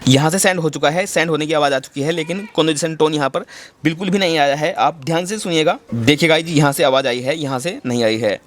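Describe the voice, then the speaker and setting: A young man hosting a step-by-step phone settings tutorial, speaking instructively, repeating each step and calling his viewers guys. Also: fairly high pitch. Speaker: tech tutorial host.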